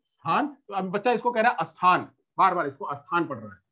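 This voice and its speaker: A man's voice: high voice, sing-song, fast talker, bright, forceful tone, highs cut off. A man teaching a teacher-training lesson, explaining step by step with examples and often repeating himself.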